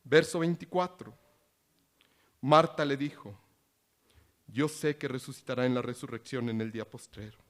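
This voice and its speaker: A man preaching a sermon, reading scripture quietly and rising into loud appeals with questions to the congregation. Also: medium pitch, normal speed, pauses often. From Latin America.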